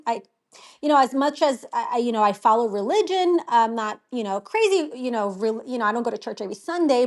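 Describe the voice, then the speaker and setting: A woman guest speaks in a casual interview over a remote line. She is an interior designer who talks modestly and chattily, filling her sentences with "you know.". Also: fairly high pitch. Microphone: phone or remote line.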